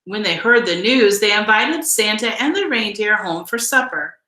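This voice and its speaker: A woman reading a children's picture book aloud in an expressive, deliberate storytelling style. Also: medium pitch, roomy sound, poor audio. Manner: measured, deliberate storytelling delivery with emphasized phrases. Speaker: storybook reader.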